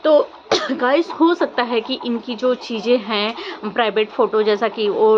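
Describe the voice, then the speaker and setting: On muffled, lo-fi audio with faint background noise, a young woman vlogger talks casually to viewers about her opinions. Her voice is a little high and a little slow, and she's insistent and questioning, frequently repeating phrases.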